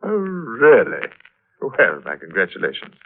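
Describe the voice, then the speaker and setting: An actor playing a domineering, coolly menacing uncle with a sardonic, theatrical 1940s radio drama delivery. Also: male voice, medium pitch, huge pitch swings, a little slow, exaggerated voice. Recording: tinny 1940s radio broadcast.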